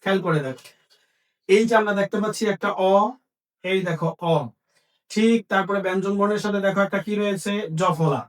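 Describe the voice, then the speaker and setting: A man's voice: high-pitched, fairly quick, pauses often, far from the mic. A male teacher giving an exam-prep grammar lesson, asking questions and answering them himself and repeating key points.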